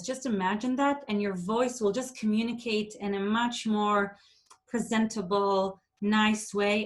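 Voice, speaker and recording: An Israeli woman whose native language is Hebrew coaches presentation skills in a clear, deliberate instructional talk. Her voice sits at medium pitch, and she sometimes exaggerates words to demonstrate.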